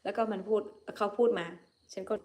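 A woman's voice: a little fast, darkish tone. A young woman whose first language is Akha, chatting casually and laughing as she hosts her own livestream. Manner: chatty, giggly, unashamed, calls herself by name. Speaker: livestream host.

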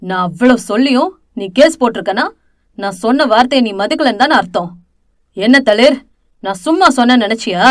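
A woman voicing a furious young man who makes loud, aggressive threats over the phone in an audio novel. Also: fairly high pitch, expressive, brisk, dry recording, clean studio sound, close to an everyday voice. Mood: menacing.

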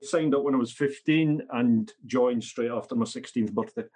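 A Scottish man in his fifties speaks as a podcast guest in an interview, talking bluntly and matter-of-factly. His voice is mid-range and mellow, at a moderate pace.

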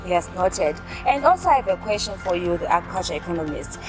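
A woman's voice: fairly low pitch, lively intonation, fast talker, over music. A young Zimbabwean woman moderating an outdoor panel in a formal, announcing way. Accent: Zimbabwean English. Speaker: panel host.

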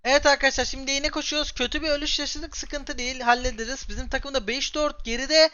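A young man in his twenties rattles off live commentary over his own gameplay, quick and excitable, always talking straight to his viewers. His voice is bright and forceful. The recording sounds a little muffled and lo-fi. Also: extremely high pitch. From Turkey. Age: 20s. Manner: excitable, talks straight to viewers while playing. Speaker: gaming streamer.

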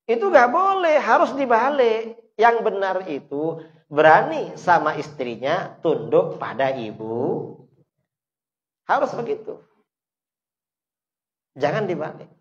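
Emphatic male preacher, dull lo-fi sound. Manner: emphatic, rises sharply to stress points then drops low; asks the audience questions and answers them himself. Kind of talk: sermon. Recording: dull lo-fi recording.

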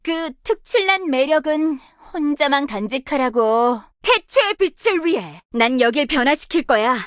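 Kai'Sa, a bold star guardian leader. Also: female voice, high-pitched, expressive, unhurried, fairly bright tone, no room sound, clean studio sound. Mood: determined. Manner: bold, commanding battle quips. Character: young female star guardian warrior, confident team leader. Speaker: voice actress. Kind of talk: video game character voice lines.

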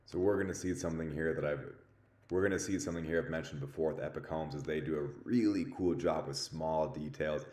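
A man's voice: a bass voice, fairly quick, a little mellow. A man working as a realtor, giving an enthusiastic walking tour of a new home in an upbeat, salesy way. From Denver area. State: out of breath.

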